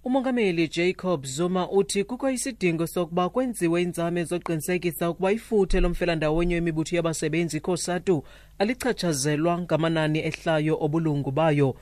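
A man's voice: fairly high pitch, fast, a little mellow, no echo. A South African man reading a scripted radio news bulletin. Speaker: news reader. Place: dry studio.

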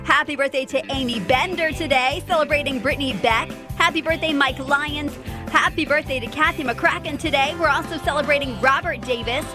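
A woman's voice: high voice, brisk, music in the background. An American woman hosting a morning radio show, with upbeat local chat and contest patter.

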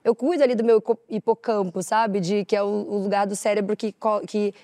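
A woman's voice: mid-range voice, fairly even intonation, a little fast, mellow, no echo, studio quality. A woman on a chat panel, explaining thoughtfully and tagging her sentences with little checks for agreement. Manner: explains thoughtfully with many "né?" tags. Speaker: panel guest.

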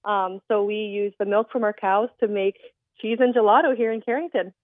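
A woman's voice: medium pitch, fairly quick, dry recording. A young woman from the Netherlands speaks over a tinny phone line, friendly and explanatory with frequent ums. The sound is dry and narrow, as if on a telephone. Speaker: creamery owner, phone guest. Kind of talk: radio phone interview.

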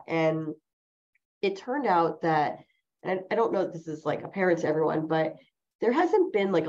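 Here the same kind of guest, a New Jersey lawyer in her forties who grew up speaking Chinese, reminisces in an interview with a low, slightly mellow voice touched by vocal fry. She wanders and circles back, correcting herself frequently. Audio quality is muffled and lo-fi.

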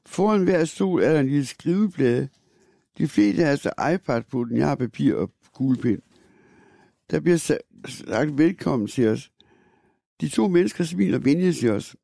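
A man reading a first-person literary text aloud in a slow, measured, wry manner. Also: a little high, gravelly, dark tone, no echo, studio quality.

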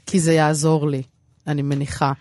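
A woman's voice: low voice, level tone, darkish tone, no echo, studio quality. A woman with an Israeli accent talking casually as an interview guest, in a rambling, self-deprecating, repetitive way. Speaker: stand-up comedian, interview guest.

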